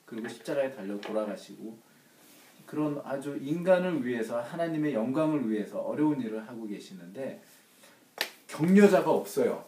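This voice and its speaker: Man, church Bible study teacher, emphatic, rhetorical questions, mellow tone, roomy distant sound. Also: mid-range voice, expressive, normal speed. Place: church room. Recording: roomy, distant mic, faint noise.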